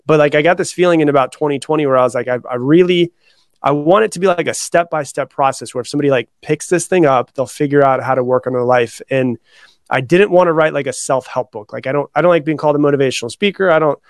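A man appears as a podcast guest in a casual interview chat; he is an author and coach who speaks informally, repeating and rephrasing himself as he explains. His voice is a little high and fast, recorded at studio quality with no echo.

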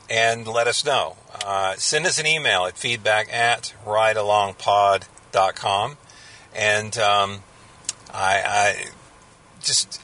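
A man co-hosting a podcast in casual chat, halting and full of fillers. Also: medium pitch, sharp tone. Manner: hesitant, halting with many fillers. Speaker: podcast co-host.

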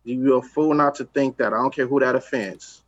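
A man's voice: mid-range voice, moderate pace, dull audio. A man from Los Angeles, a record executive talking in a casual podcast chat, emphatic and streetwise, repeating his points.

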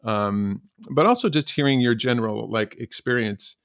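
A man's voice: mid-range voice, normal speed, fairly bright tone. A man hosting a podcast, asking questions in a hesitant way full of fillers. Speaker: podcast host. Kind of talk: podcast interview.

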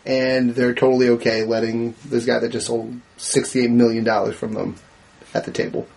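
A man in a casual movie discussion, talking in an animated, argumentative way with quick restarts. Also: mid-range voice, creaky, husky. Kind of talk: casual movie podcast chat.

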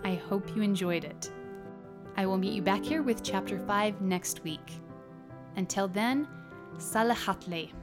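A woman narrating her own memoir in a scripted audiobook style, with measured, expressive literary phrasing. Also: medium pitch, music in the background.

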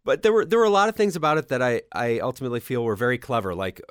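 A man co-hosts a casual podcast with a nasal, congested voice, as if under the weather. His pitch is average for a man and the sound is dry and close. He chats in a joking, teasing way. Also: big pitch swings, very fast, smooth, no room sound. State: under the weather with a cold, occasional cough. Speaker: podcast co-host. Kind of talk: casual chat about video games.

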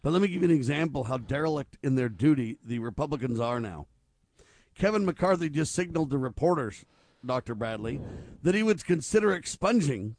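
A man's voice: fairly high pitch, darkish tone, no echo. A man with an American accent hosting political talk radio, delivering emphatic, urgent and earnest commentary.

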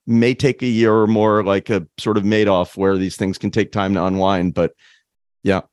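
A man with a low voice hosts a podcast interview, recorded dry and close. He talks in a halting way, restarting phrases and filling pauses as he builds his questions. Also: level tone, a little mellow, no echo. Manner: halting, many restarts and fillers. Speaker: podcast host.

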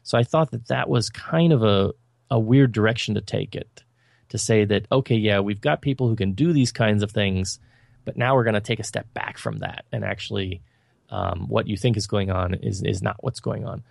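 A man's voice: fairly low pitch, moderate pace, gravelly, no room sound, clean studio sound. A man co-hosting a podcast, reviewing films in casual chat with an opinionated, critical and rambling manner. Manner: loose, rambling delivery.

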